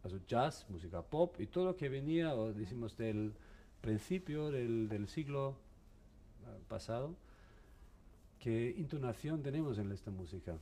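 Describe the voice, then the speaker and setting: Halting man teaching a violin masterclass. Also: mid-range voice, animated, dark tone, a little hiss or hum. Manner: halting, mixes in English words, asks the class questions.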